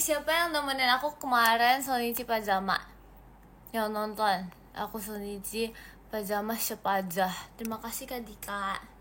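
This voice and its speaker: Speaking in a slightly high, somewhat bright voice over a faint hiss or hum, a seventeen-year-old from Indonesia runs a relaxed livestream. She reads comments, thanks each viewer individually, and drops English phrases into her chatter.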